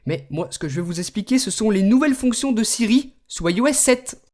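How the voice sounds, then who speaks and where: A man hosting a tech video, explaining a phone's features in a relaxed way and speaking commands to it. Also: high voice, fairly quick. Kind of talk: screen demo tutorial.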